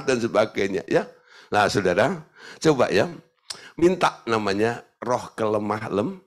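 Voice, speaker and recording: Animated preaching man. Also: medium pitch. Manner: animated preaching with jokes and playful mimicry. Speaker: pastor. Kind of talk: sermon.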